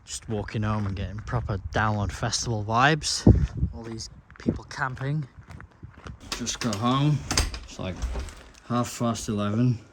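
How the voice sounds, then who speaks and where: Slow-talking tipsy man with loud traffic. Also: on the low side, steady tone. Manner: rambling, tipsy, swearing. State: drunk. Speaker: vlogger. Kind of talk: casual vlog narration. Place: bus, street and home.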